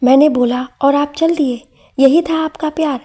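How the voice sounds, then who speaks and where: A woman's voice: sits high, steady tone, moderate pace, warm tone, lightly acted. A woman voicing a shy, teasing young female college student. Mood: hurt.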